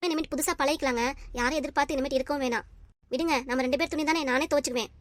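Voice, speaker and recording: A woman's voice: high-pitched, no room sound, studio quality, lightly acted. A woman voicing a stubborn, quarrelsome grandmother. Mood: resolute. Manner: sharp, scolding, rapid-fire. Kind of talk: cartoon family comedy voice acting.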